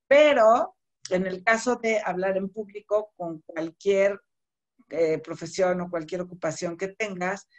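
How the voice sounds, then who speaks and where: A middle-aged woman with a Mexican accent, teaching public speaking in an online class over a computer mic, conversational and explaining with spoken examples. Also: on the low side. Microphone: computer mic on a video call.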